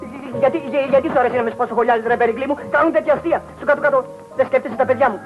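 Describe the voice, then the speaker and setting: An actor playing a nervous, flustered cousin who stammers and fusses. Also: male voice, very high-pitched, fairly even intonation. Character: nervous, flustered middle-aged male cousin. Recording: dull old film soundtrack with music.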